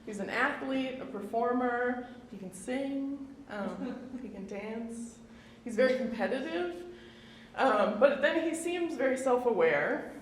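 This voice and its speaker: A higher-pitched woman with a flat Midwestern accent, talking casually to an audience. She is chatty and self-deprecating and fills her talk with ums and likes. The room is echoey, with a faint hum of noise behind her. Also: a little slow. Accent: Midwestern American. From Indiana. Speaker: visiting artist giving a talk. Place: indoor event room.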